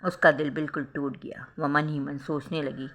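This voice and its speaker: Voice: mid-range voice, flat delivery, moderate pace. A storyteller reading a self-written romantic drama aloud, voicing every role in a melodramatic way. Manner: melodramatic, reads all roles. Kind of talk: scripted story narration.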